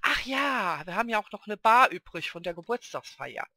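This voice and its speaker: A man's voice: sits high, sing-song, moderate pace, sharp tone, no room sound. A man casually commenting on his own gameplay as a let's play host, chatting to and coaxing the game characters along.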